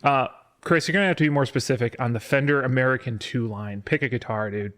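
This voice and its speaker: A man's voice: medium pitch, quick pace, a bit bright. Man co-hosting a gear podcast. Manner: teasing, runs the list. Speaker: podcast co-host. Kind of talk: casual gear chat.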